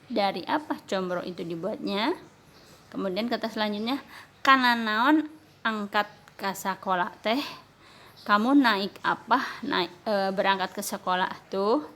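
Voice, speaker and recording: Woman teacher explaining slowly. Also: medium pitch, a bit bright. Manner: explains slowly, switching between Sundanese and Indonesian. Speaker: primary school teacher. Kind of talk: recorded classroom lesson.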